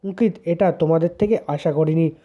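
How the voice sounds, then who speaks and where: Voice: mid-range voice, a little fast, highs cut off, close to an everyday voice. A narrator reading the lines of a stern, reproachful middle-aged father of the bride. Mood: indignant. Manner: indignant, reproachful.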